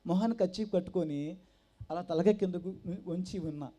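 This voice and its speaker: A man shares his personal testimony with a congregation, telling his story in an animated way and slipping into the voices of the people he quotes. His voice is deep-toned and mellow in colour, yet sits somewhat high in pitch. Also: a little fast, highs cut off. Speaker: testimony speaker at a church gathering.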